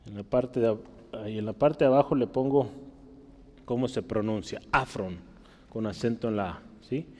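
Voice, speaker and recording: A man's voice: mid-range voice, normal speed, mellow, long reverb tail. A man with a Mexican Spanish accent preaching a conversational sermon, often checking in with his listeners. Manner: conversational teaching, frequent tag questions.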